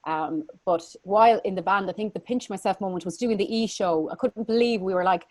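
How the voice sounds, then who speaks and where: A woman's voice: mid-range voice, a little fast, darkish tone, no echo. Chatty Irish woman, dry close sound. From Ireland. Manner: chatty, rambling, lots of fillers and restarts. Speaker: guest singer. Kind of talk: casual interview chat.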